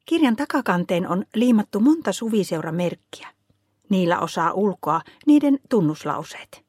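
A woman narrating a children's story in a calm, clear reading voice. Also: medium pitch, no echo, clean studio sound. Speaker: storybook reader.

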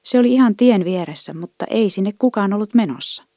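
A woman reading a children's story aloud in a gentle, even storytelling manner. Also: medium pitch, no echo, clean studio sound. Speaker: narrator.

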